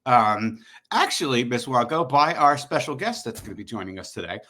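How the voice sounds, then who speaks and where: A man's voice: medium pitch, lively intonation, moderate pace, bright, forceful tone. A middle-aged man hosting a podcast, chatting in a jokey, rambling way. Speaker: podcast host. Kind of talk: casual podcast chat.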